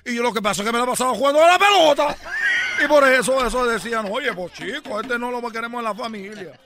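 A man voicing a boastful Cuban baseball player with a Cuban accent in a comedic radio bit, loud and rambling, repeating himself. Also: very high-pitched, quick pace, noisy background. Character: boastful Cuban ballplayer, adult man, brash joker.

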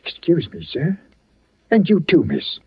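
A husky folksy village greengrocer. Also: male voice, on the high side, huge pitch swings, measured pace, exaggerated voice. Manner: folksy, deferential, dropped grammar. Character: superstitious village greengrocer and sexton, working-class man. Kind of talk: 1940s radio acting. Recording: dull old radio broadcast.

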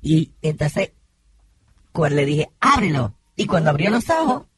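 A man's voice: a little high, sing-song, measured pace, breathy edge, dry recording, clean studio sound, heavily acted. A man voicing a flamboyant, gossipy female radio advice host with a theatrical, sing-song delivery that slips into English phrases. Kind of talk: comedic radio sketch.

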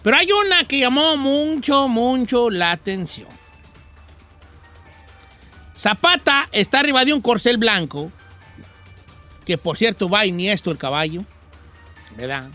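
A man's voice: extremely high pitch, lively intonation, unhurried, pauses often, bright, forceful tone, soft background music. A man co-hosting a comedy panel, playful and rambling, correcting the others. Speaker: co-host. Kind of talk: joking panel banter.

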